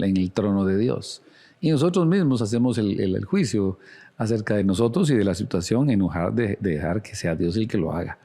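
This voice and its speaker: A Latin American pastor preaches a sermon earnestly, speaking straight to the listener and posing direct questions. His voice is lowish and mellow.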